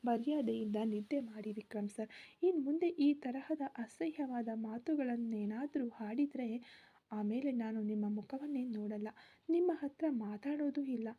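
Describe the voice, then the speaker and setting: A woman's voice: a little high, breathy edge, narrow, tinny audio. A woman voicing a proud, fiery young wife who scolds sharply. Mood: stern. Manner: sharp and scolding, rapid when angry.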